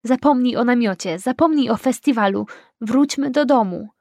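Nina: kobieta czytająca jako cicha, zatroskana młoda przyjaciółka. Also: female voice, on the high side, dry recording, studio quality, natural voice. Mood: smutna, kojąca. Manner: soft, hushed, slow speech. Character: gentle, worried young woman friend.

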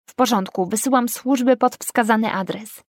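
A woman voicing a calm, methodical male emergency dispatcher in an audiobook. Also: on the high side, moderate pace, no room sound, studio quality.

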